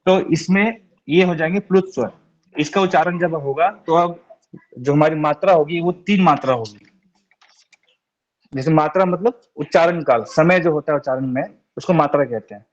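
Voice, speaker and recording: A man's voice: fairly high pitch, moderate pace. Patient male teacher on a muffled call. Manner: patient, explains step by step, repeats checks like "है ना". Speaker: Sanskrit teacher. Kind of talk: online grammar class.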